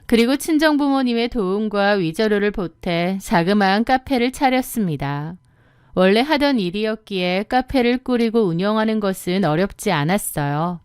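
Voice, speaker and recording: A woman narrating a first-person story as an audiobook, in a calm, even storytelling manner. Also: mid-range voice, moderate pace, smooth, no echo, studio quality.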